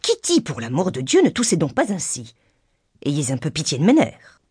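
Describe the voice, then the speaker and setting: A woman reading an audiobook, voicing a nervous, easily vexed middle-aged mother with a shrill, complaining voice. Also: normal speed, slightly rough, no echo, clean studio sound. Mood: exasperated. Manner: shrill complaining, high excited pitch.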